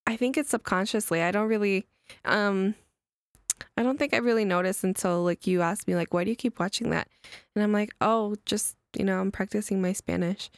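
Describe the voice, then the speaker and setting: A woman's voice: mid-range voice, a little fast, no echo, studio quality. A young woman from El Salvador chatting casually on a podcast, hesitant and full of filler words. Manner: hesitant, lots of likes and I don't knows. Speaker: podcast co-host.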